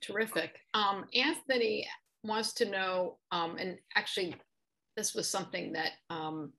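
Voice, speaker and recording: A middle-aged woman moderating a webinar from a home office, reading out audience questions in a measured way. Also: mid-range voice, gravelly, sharp tone. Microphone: video call.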